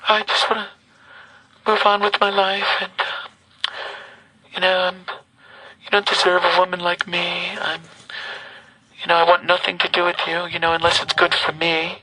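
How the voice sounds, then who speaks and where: A woman leaving a rambling answering machine message, halting and repetitive, with an aggrieved way of talking. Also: lowish voice, little pitch movement, bright, forceful tone, slight background noise, low-quality recording. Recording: voicemail played over radio.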